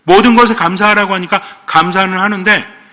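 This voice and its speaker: Bright-voiced priest in a reverberant hall. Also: male voice, high-pitched, steady tone, brisk. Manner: asks the congregation questions, playful asides. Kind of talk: sermon.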